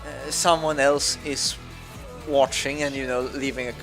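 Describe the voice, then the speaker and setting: A young gaming YouTuber from Sweden, a native Swedish speaker with a Swedish accent, talks casually over a game, hesitant and full of fillers and restarts. His voice is medium-pitched and fairly bright, with little pitch movement and a measured pace, over soft background music.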